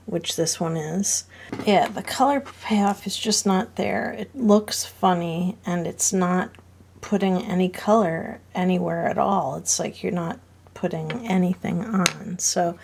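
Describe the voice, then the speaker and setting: A middle-aged woman chatting casually to camera about decluttering, unhurried and chatty with small laughs. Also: on the low side, vocal fry, darkish tone. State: out of breath. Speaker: decluttering vlogger.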